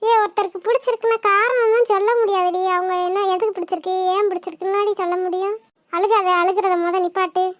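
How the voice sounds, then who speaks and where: A woman's voice: extremely high pitch, steady tone, fast talker, no room sound, highs cut off. A woman voicing a hesitant young female college student who stammers and then consoles her friend. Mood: consoling. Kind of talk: cartoon voice acting.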